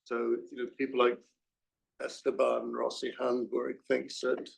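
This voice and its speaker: A man with a heavily gravelly, creaky voice thinks aloud on an academic panel. He raises questions tentatively, and his pitch sits in a middle range. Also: monotone, a little slow, low-quality recording. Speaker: panel discussant.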